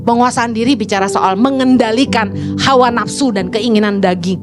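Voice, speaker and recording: A middle-aged woman pastor delivers an animated sermon, slipping into high voices to act out the people she quotes. Her voice sits a little high. Instrumental music plays clearly behind her. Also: normal speed.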